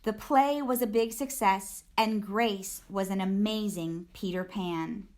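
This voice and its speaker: Female storybook reader: unhurried, expressive children's narration, mid-range pitch.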